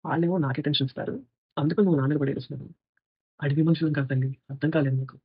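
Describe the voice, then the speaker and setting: A man's voice: on the high side, steady tone, husky, no room sound, muffled recording. A man giving opinionated, sarcastic commentary on a reality show in casual video style. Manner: opinionated, sarcastic, fast-talking.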